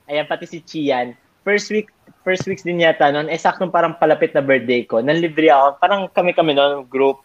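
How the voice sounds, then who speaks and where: A man's voice: on the high side, normal speed, a little hiss or hum. Young man rambling through stories. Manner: rambling, laughing anecdotes with many fillers. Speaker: storyteller among college friends. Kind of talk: casual chat. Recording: dull lo-fi recording.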